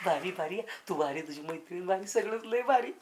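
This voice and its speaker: A cocky lovesick village lad, highish voice, all swagger. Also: male voice, animated, fairly quick, noisy background. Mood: sweet-talking. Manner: brash, boastful, rustic banter. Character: brash lovesick village wrestler, young man. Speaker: lovesick suitor. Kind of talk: village comedy acting.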